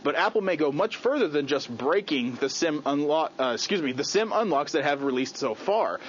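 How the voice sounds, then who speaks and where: A man hosts a daily tech news videocast, reading the stories in a relaxed, chatty way with offhand asides. His voice sits a little high. The sound is dull and lo-fi, with a faint hiss under it. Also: a little fast. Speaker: news host.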